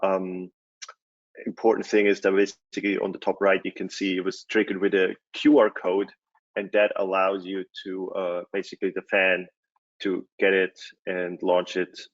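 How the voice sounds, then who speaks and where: Speaking at a conference, a CEO from Switzerland gives a laid-back presentation, often stalling on fillers and starting sentences over. The sound is dull and lo-fi, as if over a video call, and his voice is very low and flat.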